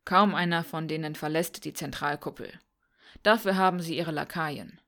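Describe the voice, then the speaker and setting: A wry, cynical young man speaks in a calm, dry tone, as a woman narrator reads him. The voice sits a little low. It is an audiobook reading. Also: moderate pace.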